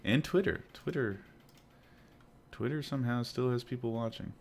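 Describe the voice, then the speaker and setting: A man's voice: medium pitch, moderate pace, vocal fry, darkish tone, a little hiss or hum. A man streaming live as a day trader, muttering and grumbling to himself with sarcastic asides as he trades. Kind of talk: live-stream commentary while trading.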